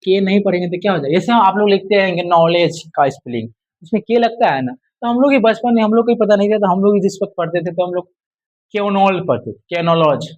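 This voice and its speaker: In a low-fi recording, a fast-talking English teacher with a high yet darkish-toned voice runs a casual lesson on English rules. Addressing viewers as friend and brother, he quizzes them over and over and drills the answers out loud.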